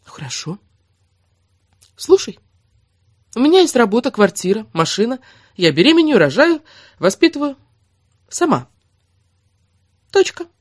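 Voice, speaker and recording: A man voicing a sharp-tongued, sarcastic young woman in an audiobook, talking loud and biting. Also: very high-pitched, big pitch swings, measured pace, pauses often, no echo, studio quality, voice pushed up, heavily acted. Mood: defiant. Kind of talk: audiobook character reading.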